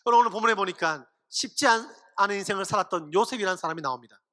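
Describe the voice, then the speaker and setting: A man preaching to teenagers, telling a story in an animated way and acting out the people in it. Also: sits high, very fast, big-room sound. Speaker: pastor. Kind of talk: youth sermon.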